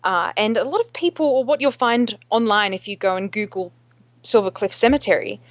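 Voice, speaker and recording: A woman co-hosting a podcast in casual chat, halting as she searches for her words. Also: mid-range voice, no room sound, lo-fi sound. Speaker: podcast co-host.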